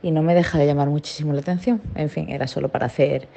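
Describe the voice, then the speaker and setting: A woman's voice: low-pitched, fairly even intonation, fast talker, creaky, mellow. A woman from Andalusia leaving a casual voice message for a podcast, hesitant and full of fillers. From Andalusia, Spain. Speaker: listener sending a voice message. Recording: dull, lo-fi voice message.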